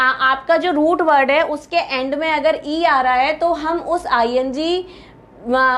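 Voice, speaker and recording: A woman with an Indian accent teaching an exam-prep English lesson, explaining step by step and checking in with her students. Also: high-pitched.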